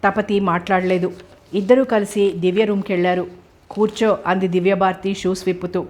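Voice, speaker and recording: Female audiobook narrator, mid-pitched, steady even storytelling of a novel. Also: fairly quick.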